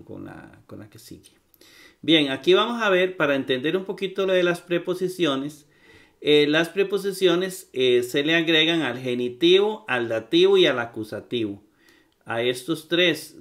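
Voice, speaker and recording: A man teaches a grammar lesson at a middle pitch. He speaks haltingly, repeating words and filling pauses, and keeps checking whether his students follow. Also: a bit bright. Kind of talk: recorded grammar lecture.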